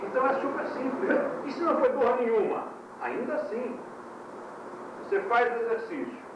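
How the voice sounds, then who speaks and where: Male yoga teacher, lecture style with light humor, off an old VHS tape: a boomy room, the mic far off, tape hiss underneath. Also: very animated, very echoey, highs cut off. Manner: explains with quick bodily demonstrations and light humor. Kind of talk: classroom lecture.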